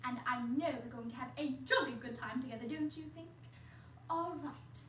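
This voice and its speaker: A costumed performer with a natural, high-sitting voice plays a cheerful, prim young adult nanny in a children's activity video. She speaks in an encouraging sing-song to unseen children, recorded with a distant mic that sounds roomy and carries a little hiss or hum.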